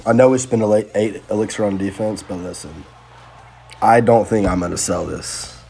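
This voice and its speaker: A young man giving casual, excitable live commentary on his own gameplay, talking slangily to his viewers. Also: fairly low pitch, moderate pace, vocal fry, a little hiss or hum. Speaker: gaming channel host. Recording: faint music underneath.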